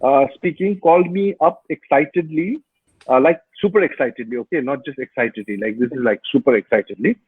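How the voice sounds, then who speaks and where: A man's voice: on the high side, husky, no echo. Male host, casual and teasing, slightly raised voice, phone-quality audio. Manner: chatty, teasing, halting fillers. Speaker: host reading viewer comments. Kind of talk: casual live interview. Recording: thin phone-like video call line.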